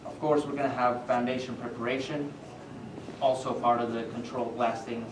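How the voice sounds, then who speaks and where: A man's voice: mid-range voice, little pitch movement, moderate pace. A young man giving a student team presentation, hesitant, with many filler sounds and restarts, recorded far off in an echoey, noisy room.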